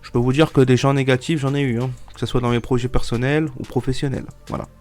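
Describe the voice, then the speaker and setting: Speaking quickly with fairly even intonation, a man in his twenties has a medium-pitched, slightly mellow voice, backed by soft music. The YouTuber has a cold that leaves him stuffy, and his casual vlog talk to viewers wanders, packed with fillers and false starts.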